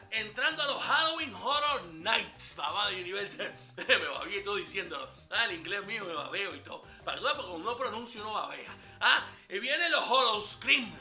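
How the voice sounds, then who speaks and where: Brash flirty ladies' man, very high voice, lively swaggering comedy banter, roomy echo. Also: full character voice. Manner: swaggering slangy banter, calls listener papá. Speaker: comic character giving dating tips. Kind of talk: comedy sketch monologue.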